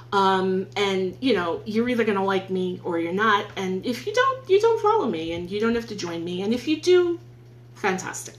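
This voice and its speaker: A woman in her forties with a New York accent and a fairly high voice chats upbeat to viewers, giving tips on a casual live stream from her home office. She's filmed on a phone on a stand at arm's length, so the sound is roomy with slight background noise, and she thanks viewers as she goes.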